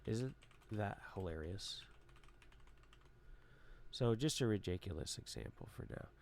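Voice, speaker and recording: A man casually walking through a software workflow demo, relaxed and chatty with frequent filler pauses. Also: fairly low pitch, creaky, slight background noise. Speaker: tech tutorial presenter.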